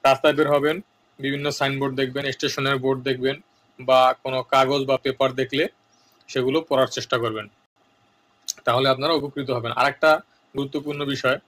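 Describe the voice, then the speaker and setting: A man teaching a vocabulary lesson, saying each word twice in slow, deliberate drills with earnest advice between lists. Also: mid-range voice, little pitch movement, fairly bright tone. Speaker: language teacher.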